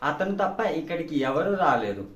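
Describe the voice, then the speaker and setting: A man with a Telugu Indian accent teaching spoken English, saying each sentence quickly in Telugu and then repeating the English translation slowly and clearly. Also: on the high side, sing-song, fairly bright tone, echoey room. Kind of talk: language lesson, reading sentences.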